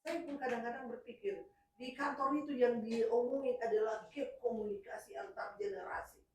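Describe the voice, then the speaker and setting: A middle-aged woman talks casually to a group, her stories animated with sudden rises in pitch and volume. Her voice sits a little high. She is heard from a distance in a strongly echoing room. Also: normal speed, a little hiss or hum. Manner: animated storytelling, jumps in pitch and loudness. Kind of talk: casual speech at a group session. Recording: echoey room from far off.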